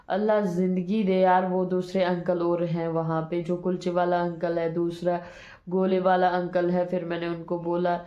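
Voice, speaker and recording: Young female vlogger, hoarse and feverish, tired and rambling, recorded on a phone in an echoey room. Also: on the low side, warm tone, dull audio. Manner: weary, sleepy, rambling. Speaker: vlogger and street cart vendor. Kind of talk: casual vlog talk to camera. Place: small room at home, indoors. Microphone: phone held by hand.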